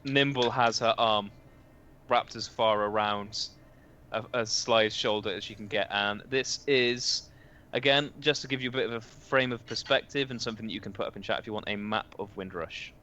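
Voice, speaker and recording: A man's voice: on the low side, steady tone, moderate pace, bright, forceful tone, lo-fi sound, slight background noise. A man narrating as game master of a tabletop game, hesitant and correcting himself as he goes. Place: home, online voice chat.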